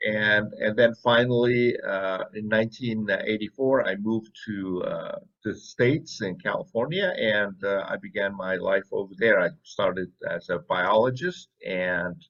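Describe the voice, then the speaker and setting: Bright-voiced man in his fifties, lo-fi. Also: on the low side, measured pace, few pauses. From Saudi Arabia. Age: 50s. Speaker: podcast guest. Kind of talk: casual interview chat.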